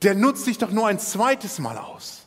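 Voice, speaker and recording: Brief: a pastor putting on a bitter, resentful elder son who rails at his father, high voice, echoing hall. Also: sing-song, measured pace, full character voice. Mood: indignant. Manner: indignant, scolding. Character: resentful angry older brother, young man.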